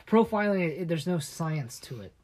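A man co-hosting a casual chat podcast, telling stories in a halting way full of restarts and often dropping his voice low and conspiratorial. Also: big pitch swings, darkish tone. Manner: halting storyteller with many restarts. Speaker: podcast co-host.

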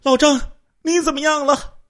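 A man's voice: very high voice, level tone, normal speed, pitched above the performer's own voice. A man voicing a frightened woman business owner begging for her family. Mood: pleading.

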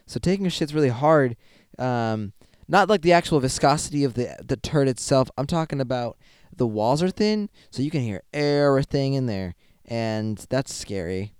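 A man's voice: mid-range voice, expressive, moderate pace, few pauses, smooth, no room sound, studio quality. A young college-age man hosting a podcast in casual chat, rambling and laughing at himself. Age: young adult. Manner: giggly, rambling, self-deprecating. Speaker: podcast host.

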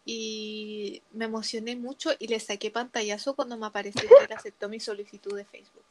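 A young woman with a Chilean accent chatting casually as a podcast co-host, telling self-deprecating stories in a relaxed way. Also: a little high, a little fast, noisy background. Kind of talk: casual chat.

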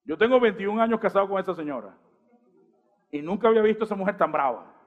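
A man in his forties, a pastor preaching a lively sermon full of rhetorical questions. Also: sits high, fast, narrow, tinny audio.

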